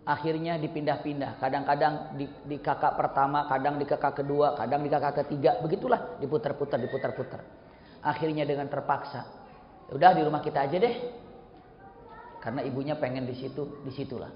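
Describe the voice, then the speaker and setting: Animated preacher, high voice. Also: male voice, a little fast. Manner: animated, rhetorical questions, acts out scenes. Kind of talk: sermon. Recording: echoey hall, dull lo-fi sound.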